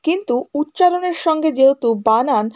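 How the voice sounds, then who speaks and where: A woman teacher walks schoolchildren through a grammar lesson, going over each rule more than once and checking in with her pupils after every point. Her voice sits high, with a soft, mellow tone. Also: expressive, brisk. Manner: explains and repeats, checks with "right?" and "okay?".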